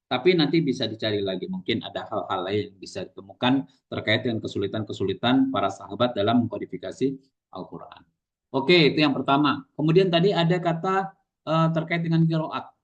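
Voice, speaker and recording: Male lecturer from Indonesia, mid-pitched, chatty explainer full of fillers, on dull lo-fi audio. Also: brisk. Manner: explains with many fillers and tag questions. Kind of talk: casual classroom lecture.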